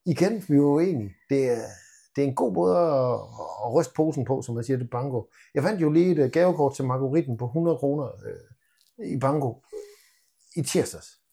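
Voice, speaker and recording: A man's voice: mid-range voice, warm tone. A man, co-hosting a podcast in casual banter and telling joking stories. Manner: joking, teasing, playful storytelling. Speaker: podcast co-host.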